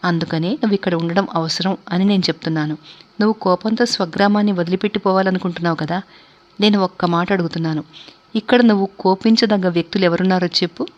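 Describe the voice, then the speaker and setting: Brief: woman reading as a patient old aunt, low, soothing voice, dull lo-fi sound. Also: fast, close to an everyday voice. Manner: soft, soothing, calm. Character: gentle wise elderly aunt, calm and patient. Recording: dull lo-fi recording.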